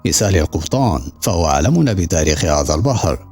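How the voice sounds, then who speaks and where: A man's voice: sits low, sing-song, quick pace, darkish tone, faint music behind. A man voicing a stern older woman whom the others call aunt, in an audiobook.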